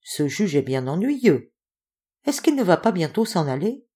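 A woman's voice: on the low side, big pitch swings, measured pace, dark tone, slightly rough, heavily acted. Balaoo, a woman voicing a sullen male ape-man. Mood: solemn.

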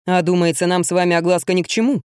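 A woman voicing a calm, blunt young male fitness trainer who speaks curtly and matter-of-factly. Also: fairly low pitch, rapid-fire, smooth, no echo, studio quality, lightly acted. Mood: cool. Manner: cool, curt, matter-of-fact.

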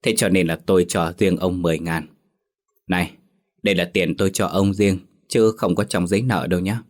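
A man reading a scheming wealthy lender, friendly but crafty tone, low voice, audio storybook. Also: fairly even intonation, fairly quick. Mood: sly. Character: wealthy young male gambling lender, smooth and scheming.

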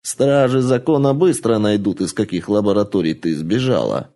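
A man's voice: lowish voice, animated, normal speed, dark tone. A man voicing a harsh, scheming old woman who runs a house of courtesans, giving cold, clipped orders in an audiobook. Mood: contemptuous. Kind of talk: audiobook character voice.

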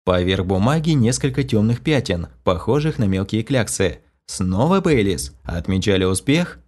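A man narrating an audiobook in a lively, expressive storytelling voice that acts out the dialogue. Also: lowish voice, normal speed.

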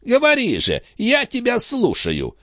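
A man reading aloud, voicing an indignant, haughty old priest who shouts in a high, strained voice. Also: wildly swooping pitch, unhurried, dry recording, studio quality, heavily acted. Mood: mocking.

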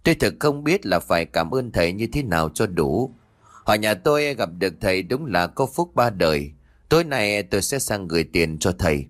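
A man doing a gruff old clan elder. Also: fairly low pitch, lively intonation, moderate pace, no echo, studio quality, close to an everyday voice. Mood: grateful. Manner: brusque, dismissive. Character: older village man, clan head, proud and gruff.

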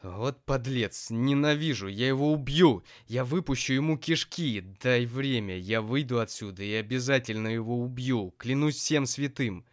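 A man voicing a furious, jealous young prisoner who shouts threats in an audiobook. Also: mid-range voice, normal speed, few pauses, no room sound, studio quality, voice pushed up, close to an everyday voice. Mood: enraged.

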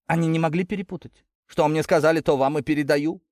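A man's voice: on the high side, expressive, fast, no room sound, studio quality, voice pushed up, lightly acted. A man doing a dutiful peasant servant. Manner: dutiful, matter-of-fact. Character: plain male servant, slightly offended.

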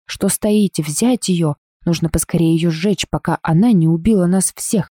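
A hateful, zealous village woman, preachy and accusing, in a low mellow voice, as a woman reader puts her on. The sound is close and dry, like a storybook reading. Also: normal speed, breathy edge, dry recording.

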